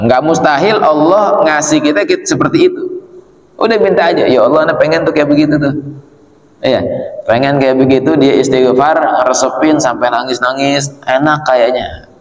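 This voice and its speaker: A man giving a relaxed, conversational religious study talk in a mosque and answering questions from the congregation. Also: medium pitch. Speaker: religious teacher. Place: mosque hall. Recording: echoey mosque hall with long reverb.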